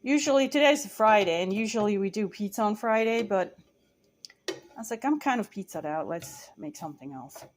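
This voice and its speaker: A woman from central Switzerland talks through a recipe in her home kitchen, chatty and meandering, often correcting herself mid-sentence. Her voice sits at an ordinary middle pitch. A faint hum of kitchen noise and a sizzling pan sit underneath. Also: expressive, normal speed. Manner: chatty, rambling, self-correcting. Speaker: cooking vlogger. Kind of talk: casual chat while cooking.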